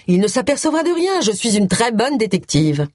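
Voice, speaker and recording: A woman's voice: on the high side, big pitch swings, normal speed, darkish tone, no room sound, studio quality, pitched above the performer's own voice. A woman voicing a nosy, headstrong middle-aged amateur detective with a brash manner. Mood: cocky.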